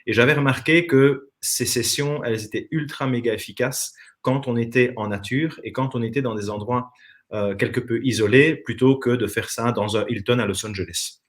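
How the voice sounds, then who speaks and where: A Belgian ex-professional dancer speaks at normal speed in a medium-pitched voice with a Belgian French accent. As a guest in a casual online video-call interview, he recounts his story in an earnest, reflective way.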